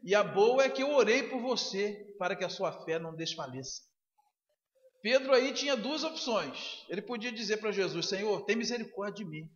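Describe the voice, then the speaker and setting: A man's voice: high-pitched, very animated, moderate pace. A man preaching a sermon to his congregation, dramatically acting out quoted dialogue and often asking for agreement. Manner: dramatic storytelling, acting out quoted dialogue with big swings in loudness; asks the congregation for agreement with frequent "né?". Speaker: pastor. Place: church sanctuary. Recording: muffled recording in an echoey hall.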